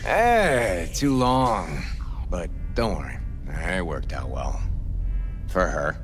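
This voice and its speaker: Game role: gruff, theatrical, washed-up male rocker, big pitch swings, reverberant space, faint music. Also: big pitch swings, slow, heavily acted. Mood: wistful, scornful. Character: jaded, foul-mouthed aging male rock musician. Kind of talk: video game dialogue.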